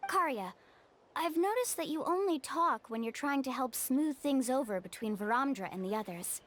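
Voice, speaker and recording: Mualani, animated high-voiced young guide. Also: female voice, normal speed. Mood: upbeat. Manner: confident, explanatory, animated. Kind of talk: video game voice acting.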